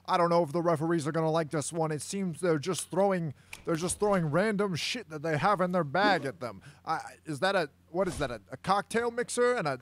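A man playing a bewildered, excitable fight commentator, doing mock sports commentary over a game. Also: on the high side, fairly quick, pitched above the performer's own voice, lightly acted. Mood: incredulous. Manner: raised, excitable sportscaster delivery.

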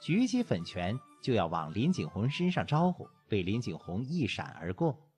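A man narrating a novel as an audiobook, with expressive storytelling. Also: lowish voice, moderate pace, slightly rough, faint music behind. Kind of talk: scripted narration.

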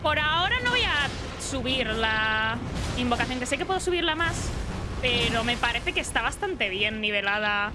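A woman's voice: a little high, very animated, moderate pace. A young woman giving playful live gameplay commentary, chatting to the enemies and yelping and swearing when she is hit. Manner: playful, talks to the game boss, frequent startled yelps and swearing. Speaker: streamer. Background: game music.

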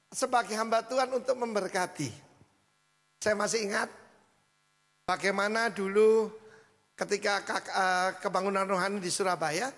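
High-voiced pastor with a gravelly edge. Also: male voice. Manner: lively storyteller, frequent asides to the congregation. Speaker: senior pastor. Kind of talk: sermon with storytelling. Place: church hall. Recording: hall reverb with mains hum.

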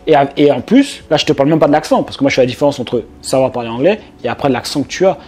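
A man's voice: mid-range voice, animated, very fast, a little mellow. A man from France, a business coach, talking casually and directly to his viewers, with lots of fillers and restarts. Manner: chatty, informal, speaks directly to the viewer, many fillers and restarts. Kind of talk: casual video commentary to the viewer.

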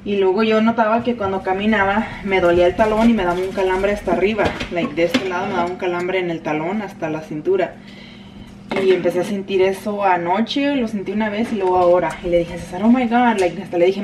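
A woman's voice: mid-range voice, steady tone, a little fast, darkish tone, a little hiss or hum. Chatty vlogger woman, mix. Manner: chatty, mixes English fillers into Spanish. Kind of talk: casual vlog chat. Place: home kitchen.

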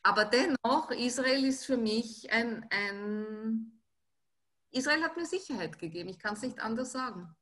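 A middle-aged woman talks earnestly and personally in a reflective panel conversation on a video call from her study, often pausing and repeating herself. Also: on the high side, expressive, fairly bright tone. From Austria. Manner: earnest and personal, with frequent hesitations and repeated words. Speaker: author and panel guest. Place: home study with bookshelves.

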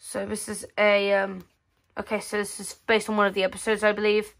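Going through a magazine page by page at an indoor tabletop, this female host reads bits out and comments casually, hesitating and rewording as she goes. She speaks briskly in a monotone, with a gravelly, fairly bright mid-range voice.

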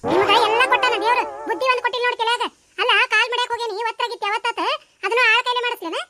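Woman playing shrill bossy landlord's wife, North Karnataka accent, cartoon, rattles off scolding. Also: fairly even intonation, bright, forceful tone. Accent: North Karnataka Kannada. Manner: scolding, bossy, quick retorts. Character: sharp-tongued village landlord's wife. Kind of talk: cartoon voice acting.

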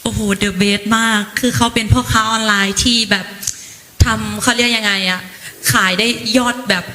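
A woman's voice: medium pitch, flat delivery, moderate pace, sharp tone. A 28-year-old woman from Laos answering interview questions politely and earnestly as a pageant contestant. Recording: echoey hall with music behind.

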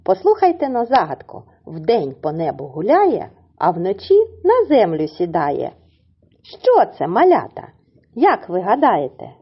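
A woman's voice: lowish voice, huge pitch swings, husky, lo-fi sound. A woman teaching a lesson to small children in a coaxing, sing-song tone, drawing words out syllable by syllable. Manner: slow, syllable-by-syllable pronunciation. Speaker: preschool teacher.

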